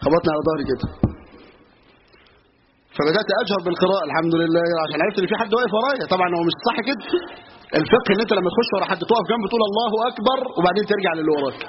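Man, Egyptian accent, religious teacher, very fast, anecdotal and lively, muffled hissy recording. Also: high voice. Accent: Egyptian Arabic. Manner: storytelling, lively, asides and rhetorical questions. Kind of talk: colloquial religious lesson with anecdotes. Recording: muffled recording with steady hiss.

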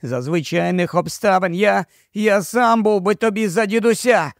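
A man's voice: sits high, normal speed, vocal fry, dry recording, studio quality, voice pushed up. A man voicing a panicked middle-aged kidnapper who speaks tensely and stammers. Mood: nervous.

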